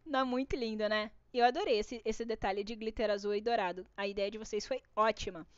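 A Brazilian woman with a Brazilian Portuguese accent hosts a craft live stream as an art class host, talking briskly at a medium pitch. Chatty and bubbly, she greets viewers by name in casual live-stream chat, and the stream audio is dull, dry and lo-fi.

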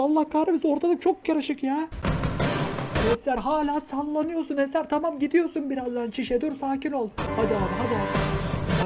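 A man giving comic, mocking reaction commentary over a reality show, with loud exasperated outbursts. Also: extremely high pitch. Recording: show music playing underneath.

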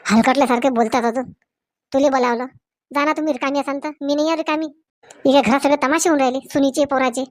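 A woman playing a nagging middle-aged mother-in-law in a comedy sketch, sharp and scolding, with a Varhadi Marathi accent. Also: high-pitched, fairly even intonation, fast, no echo, natural voice.

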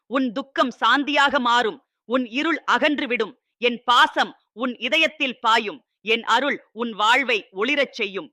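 A man voicing a loving fatherly god who speaks to his child in a scripted devotional address, solemn and tender, with steady repetitive reassurances. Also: very high voice, no echo, studio quality, heavily acted.

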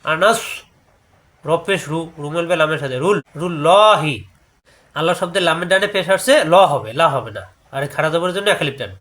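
This is a man with a high voice and a Bangladeshi Bengali accent, teaching the rules of Quran recitation. He explains each rule step by step and breaks off to chant the verses slowly. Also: expressive, sharp tone. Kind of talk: tajweed lesson with chanted recitation.

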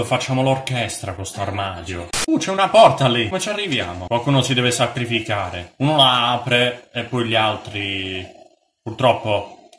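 A man's voice: medium pitch, a bit bright. A man doing let's-play commentary, joking and exclaiming as he talks back to the characters on screen. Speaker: gaming channel host. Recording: noisy home recording.

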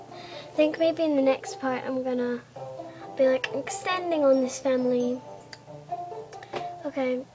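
A young girl chatting casually over her life-sim gameplay, rambling with lots of fillers, music playing under her voice. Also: high-pitched. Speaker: gameplay narrator. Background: background music.

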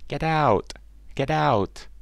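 A man voicing mean young ducklings in a storybook reading, taunting and shouting. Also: low-pitched, measured pace, dry recording.

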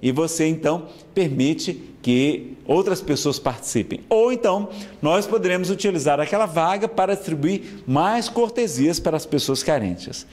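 Brazilian male speaker, slightly high pitch, earnest and persuasive lecture delivery. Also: expressive, moderate pace, darkish tone. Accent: Brazilian Portuguese. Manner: earnest, persuasive, checks in with listeners often. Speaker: spiritist speaker. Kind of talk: lecture announcement.

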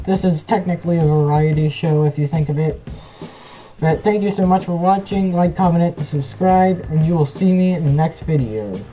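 A woman's voice: fairly low pitch, mellow, rough recording. Woman talking through a gas mask. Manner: enthusiastic, chatty. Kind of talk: casual product review vlog.

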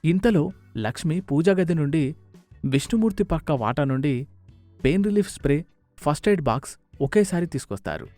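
Lively male storyteller, dry sound. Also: on the high side, brisk, long pauses, dry recording, faint music behind. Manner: expressive, animated. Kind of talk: scripted story narration.

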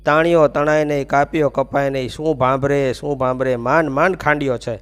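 A man's voice: mid-range voice, steady tone, brisk, clear, resonant tone, close to an everyday voice. A man voicing a simple-minded young daughter-in-law in a devotional folk tale, in a plain, bewildered way. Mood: puzzled.

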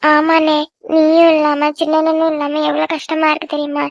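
A woman voicing a cheeky teenage village daughter in a cartoon, talking back quickly with a whiny, sassy manner. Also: high-pitched, monotone, dry recording, muffled recording. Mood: tearful, pleading. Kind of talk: cartoon voice acting.

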